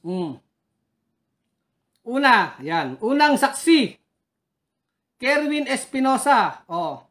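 A woman speaks in a slightly higher voice as a political commentator. She taunts and challenges her critics head-on, firing off questions one after another in a combative, heckling way. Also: very animated, extremely slow, a bit bright. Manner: taunting, heckles critics and reads their names.

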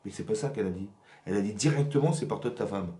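A man giving a religious lesson to women as a rabbi, animated and often checking whether the audience has understood. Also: on the low side, racing, roomy sound. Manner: animated, asks "vous avez compris?" often. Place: rented workshop room.

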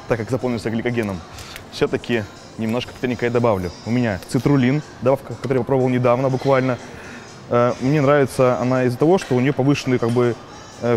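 Male, 20s, quick chatty bodybuilder in a gym, soft music underneath. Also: mid-range voice. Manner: chatty, addresses viewers directly. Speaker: bodybuilder guest. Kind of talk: casual talk to viewers. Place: indoor gym.

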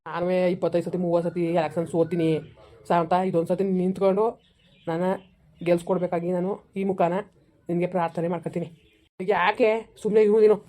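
A woman's voice: fairly low pitch, dark tone, close to an everyday voice. Woman playing a scolding rustic village man. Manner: scolding, fast rustic banter. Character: older village man, scolding, boastful failed candidate. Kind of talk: village comedy skit.

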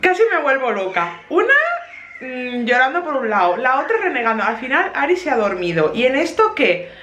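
A young woman from Spain with a Spanish accent, a mother telling a lively anecdote in a casual vlog, laughing as she talks. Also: high-pitched, moderate pace, slight background noise. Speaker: vlogger mother of two. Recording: roomy echo.

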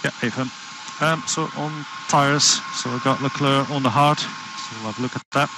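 A man working as a race engineer, giving halting procedural instructions over race car team radio. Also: mid-range voice, background noise. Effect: team radio transmission.

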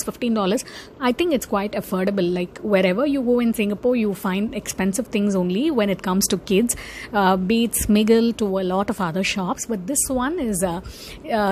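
A woman's voice: mid-range voice, a little hiss or hum. A woman in her thirties narrating a shopping vlog as a voice-over, chatty and enthusiastic, with frequent fillers. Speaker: shopping vlogger.

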